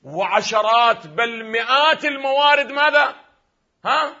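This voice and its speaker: A man lecturing as a religious scholar in an Iraqi Arabic accent, posing questions to his listeners and answering them himself, at times emphatic and loud. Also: extremely high pitch, steady tone, a little slow, lo-fi sound. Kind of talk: lecture on Quranic readings.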